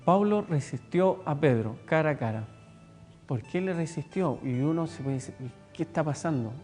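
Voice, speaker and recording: Emphatic high-voiced Chilean preacher. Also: male voice, animated, moderate pace, a little mellow, in a large hall, soft background music. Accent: Chilean Spanish. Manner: emphatic, repeats words for stress. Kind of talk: sermon.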